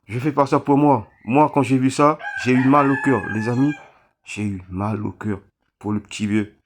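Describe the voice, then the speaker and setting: A man from Réunion talks to his online audience in a halting, pleading way. He stops and restarts often and keeps returning to his request for help. His voice sits in an ordinary middle register. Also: medium pitch, slight background noise. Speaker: vlogger appealing for donations. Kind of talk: emotional appeal to camera.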